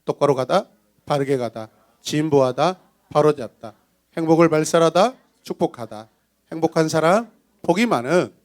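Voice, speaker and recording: A man preaching a Sunday sermon as pastor, animated and dramatic, acting out voices and breaking into song. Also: mid-range voice. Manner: animated preaching, bursts into sung praise; acts out villagers' gossip in voices.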